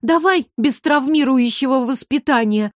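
A worried young mother in a storybook, anxious and quick to object, as a woman reader puts her on. She sounds close to the reader's plain voice. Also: sits high, no echo, lightly acted.

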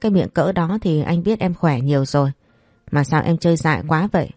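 A woman's voice: sits low, fairly quick, a little mellow, no room sound. A woman voicing a young man who jokes dryly with his younger brother. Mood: joking. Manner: dry joking. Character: relaxed, joking older brother, young man.

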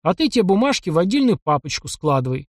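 A man's voice: high-pitched, sing-song, fast talker, no echo, studio quality, voice pushed up, heavily acted. A man voicing a cocky young taiga hunter. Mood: scheming. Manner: mocking, cocky and cunning. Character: young bold taiga hunter, sly and defiant.

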